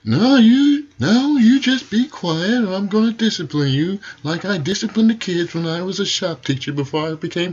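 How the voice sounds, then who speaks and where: A man's voice: on the high side, husky, dull audio. A man playing a stern, indignant wrestling federation president delivering an emphatic, authoritarian wrestling promo. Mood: scolding.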